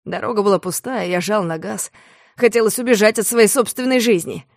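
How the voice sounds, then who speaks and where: A woman reads a dramatic first-person story aloud, her voice soft, low and intimate. She sits at a mid pitch, and the sound is dry and close, with no room echo. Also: a little fast, vocal fry. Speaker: audiobook reader.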